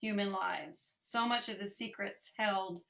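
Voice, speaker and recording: A woman hosts a conversational interview in a bright, mid-range voice. She comes across as an attentive, affirming listener who talks informally with her guest. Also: medium pitch, fairly even intonation, measured pace, vocal fry. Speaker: interview host.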